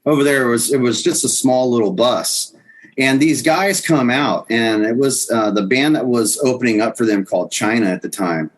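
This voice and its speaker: A man's voice: medium pitch, normal speed, rough recording. A man in his fifties, a guest musician, telling stories casually in a podcast interview, rambling with restarts and chuckles.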